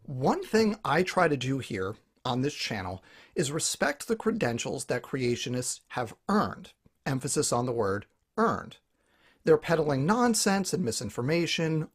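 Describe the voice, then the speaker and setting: A man hosting his own video series, talking through a scripted explainer in a wry, critical way. His voice sits a little high and has a husky edge, and his pitch moves in a lively way from line to line. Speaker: YouTube channel host.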